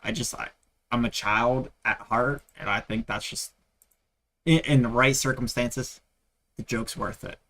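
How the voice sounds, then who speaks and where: A man's voice: mid-range voice, measured pace, a bit bright. A man from Texas hosting a live stream, chatting casually and rambling between anecdotes and side comments. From Texas, USA. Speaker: livestream host.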